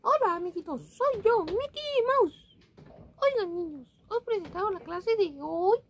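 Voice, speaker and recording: Mickey Mouse, a squeaky cartoon mouse. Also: animated, a little slow, fairly bright tone, a little hiss or hum, exaggerated voice. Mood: cheerful. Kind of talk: cartoon greeting to children.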